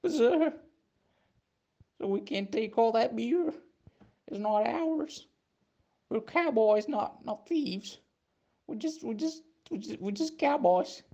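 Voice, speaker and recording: A man's voice: extremely high pitch, expressive, slow, gravelly, long pauses, warm tone, full character voice. A man voicing a timid, polite cowboy sidekick in a comic cartoon, hesitant and stammering. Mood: hesitant protest. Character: timid, polite high-voiced cowboy sidekick, easily tempted.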